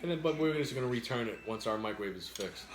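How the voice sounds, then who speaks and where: A man's voice: mid-range voice, expressive, over music. Man chatting casually in an echoey room. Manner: halting, repeats words, mild swearing. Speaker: mukbang co-host. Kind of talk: casual chat while eating, answering viewers. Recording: roomy, echoey indoor sound.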